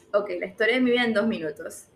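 Frank young woman chatting. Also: on the high side. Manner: frank, swears casually. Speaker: co-host. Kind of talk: casual chat between friends.

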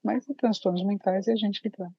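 A woman with a Brazilian accent explaining things as a psychiatrist guest, halting and restating her phrases. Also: mid-range voice, fairly even intonation, slightly rough, dry recording. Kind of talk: explanatory interview talk. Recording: dull, muffled lo-fi audio.

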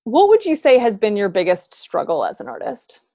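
A woman's voice: medium pitch, huge pitch swings, brisk, gravelly, dark tone. A woman interviewing a musician, asking curious questions and rephrasing them when she loses her thread.

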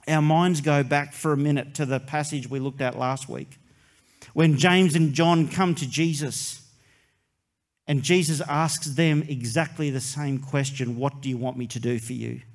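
A man, a pastor preaching a sermon in an earnest way, with long pauses and soft dramatic drops. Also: fairly high pitch.

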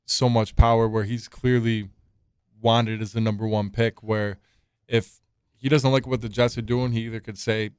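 On a casual sports podcast, a male co-host talks through his picks, hesitating often with plenty of "you know" and restarts. His lowish, somewhat dark voice holds a level tone at a moderate pace. The recording is clean studio sound without echo.

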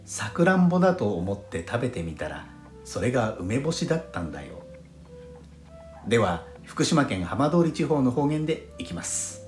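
A man from Fukushima hosting a solo audio podcast, talking in a calm, measured way. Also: mid-range voice. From Fukushima, Japan. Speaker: podcast host. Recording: roomy sound with faint background music.

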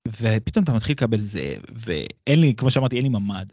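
A man in his thirties co-hosting a podcast, telling a personal story in lively bursts that jump up and down in pitch. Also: breathy edge, no echo. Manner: animated storyteller with wide pitch swings. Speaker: podcast co-host. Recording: dry, slightly dull sound.

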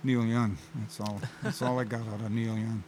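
A man's voice: lowish voice, little pitch movement, normal speed, darkish tone, a little hiss or hum, rough recording. An older man in casual chat, telling rambling concert stories with many restarts. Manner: rambling anecdotes with frequent restarts.

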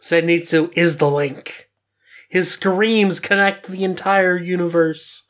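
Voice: mid-range voice, steady tone, slow. A young adult podcast host leading a casual discussion about animation with friends.

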